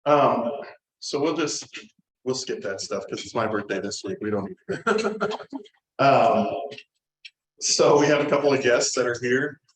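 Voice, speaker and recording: A man running the fellowship part of a club meeting, teasing the room in a playful deadpan way. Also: mid-range voice, measured pace, pauses often. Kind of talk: casual joking announcements. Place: meeting hall. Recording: roomy hall with faint noise.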